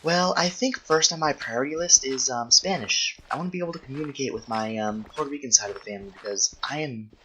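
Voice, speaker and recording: A young adult video host chats casually while gaming, answering viewer questions in rambling talk, thinking aloud and often correcting themselves. The voice is mid-range and fairly bright, delivered fast with hardly any pauses, on a low-quality recording with slight background noise.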